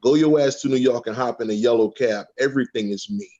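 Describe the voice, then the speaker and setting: A man's voice: medium pitch, fast, dark tone, close to an everyday voice. A man voicing an all-present goddess who gives profane, matter-of-fact commands, on dull lo-fi audio. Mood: commanding.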